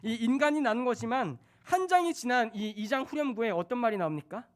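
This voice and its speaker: A man's voice: extremely high pitch, animated, fairly quick. A man in his thirties, a junior pastor, preaching a sermon in a church in a conversational way, asking questions of the congregation. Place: church sanctuary.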